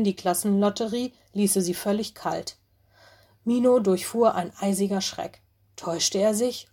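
A woman narrating a children's storybook in a measured, expressive reading. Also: medium pitch, slightly rough.

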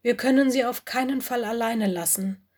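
A woman's voice: fairly high pitch, normal speed, a little mellow, natural voice. A woman voicing Lenny, a sensible male bear cub who speaks in an earnest, level-headed way in a storybook reading.

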